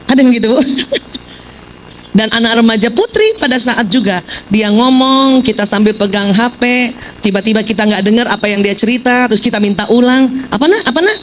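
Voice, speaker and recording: A middle-aged woman giving a lively, joking parenting seminar, quizzing her audience. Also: mid-range voice, a little hiss or hum, low-quality recording.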